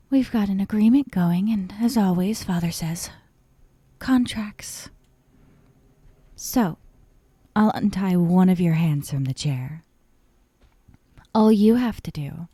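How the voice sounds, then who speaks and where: In this ASMR roleplay, a woman plays a possessive, dominant young yandere kidnapper, delivering an intimate monologue to the listener. Her mid-range voice is soft and breathy, often sinking into whispers, as she coaxes slowly and teasingly with veiled threats, sounding sly and menacing. The close microphone gives a dry recording.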